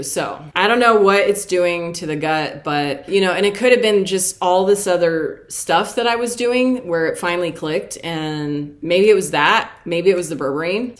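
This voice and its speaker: A woman's voice: on the low side, fairly bright tone. A woman talking candidly in a casual personal vlog, chatty and repeating herself for emphasis. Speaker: vlogger and copywriter.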